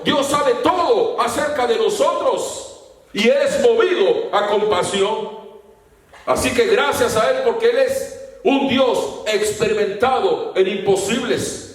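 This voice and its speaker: A man with a very high voice preaches a fervent sermon and now and then rises to a shout. He stands well back from the microphone, and the room rings with heavy echo. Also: measured pace. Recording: very echoey room, mic far off.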